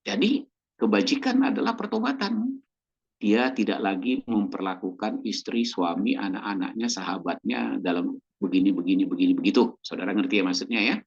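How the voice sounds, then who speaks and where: A male pastor delivers a sermon in a husky voice that rises and falls in animated swings. He keeps checking in with the congregation and briefly acts out quoted lines. The recording sounds dull and muffled. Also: fairly low pitch, moderate pace.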